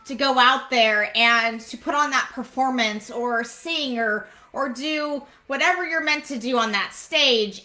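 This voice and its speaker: A woman's voice: a little high, pushed and bright. A woman giving a heartfelt faith devotional, earnest and repeating phrases for emphasis. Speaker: speaker giving a devotional message.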